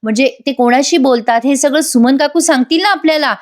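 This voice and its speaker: An earnest young wife laying out a plan, explaining point by point, read in a woman narrator's own voice. Her tone is fairly high and eager. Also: fairly quick, natural voice.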